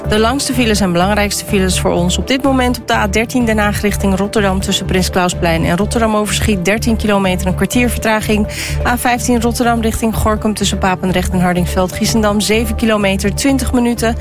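A woman with a Netherlands Dutch accent gives a radio traffic report. Her pitch is mid-range and music plays clearly behind her. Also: brisk.

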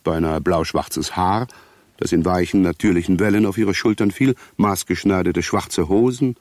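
A man's voice: low voice, a little mellow, no echo. In a dry, close sound, the male narrator of a radio crime drama, a detective's easily exasperated friend. He tells it in wordy, conversational sentences full of wry irony.

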